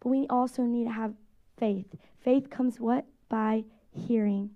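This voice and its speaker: A woman in her thirties, a pastor, giving a conversational, animated sermon to a congregation. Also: fairly high pitch, measured pace, narrow, tinny audio. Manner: conversational, animated preaching with quoted voices.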